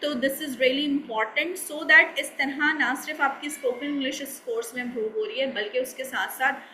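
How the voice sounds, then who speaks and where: High, bright Pakistani woman teacher. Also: steady tone, a little hiss or hum, low-quality recording. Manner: mixes Hindi-Urdu and English, often checks in with "ठीक है?"; slows down to model English words. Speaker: spoken English teacher. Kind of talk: recorded course lecture.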